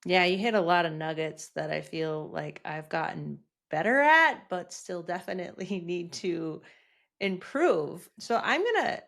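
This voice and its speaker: A woman's voice: lowish voice, expressive, unhurried, vocal fry, fairly bright tone. A woman podcast host asking questions in a chatty, playful, self-deprecating way. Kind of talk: casual interview chat.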